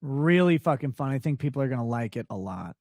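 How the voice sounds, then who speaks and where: On a casual late-night livestream, a man reads viewer questions aloud and answers them bluntly, crudely and with plenty of swearing. His voice isn't deep but has a darkish tone, and he talks fast and animatedly in a dry, studio-quality recording.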